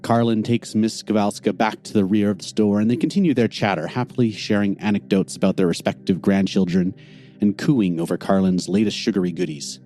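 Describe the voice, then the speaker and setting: A man narrating a tabletop game as game master, a deliberate storyteller. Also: fairly low pitch, warm tone.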